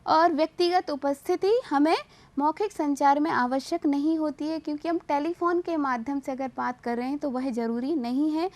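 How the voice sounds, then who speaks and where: A woman's voice: sits high, moderate pace, darkish tone. A woman teacher gives a classroom lecture. She explains step by step, mixes in English terms and restarts her sentences as she goes.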